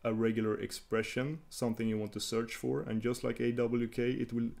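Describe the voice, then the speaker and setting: A man talks through a coding screencast in a mid-pitched voice, explaining each command as he types. He hesitates often and restarts his phrases, and keyboard clicks come through behind him. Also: flat delivery, brisk, gravelly, a little mellow. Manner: hesitant, many fillers and restarts while typing. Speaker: tutorial host.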